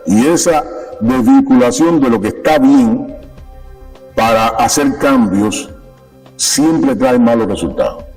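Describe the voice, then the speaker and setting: A man's voice: mid-range voice, darkish tone, far from the mic, rough recording. A Cuban-born man in a conversational interview, speaking as a sports official. He talks emphatically and circles back to repeat his key points. His mid-range voice sits a little away from the mic, with faint music underneath. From Cuba.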